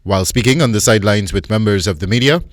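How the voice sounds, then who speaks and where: A man's voice: on the low side, fast, no echo, clean studio sound. A man with a Guyanese accent reading scripted narration as a news reporter.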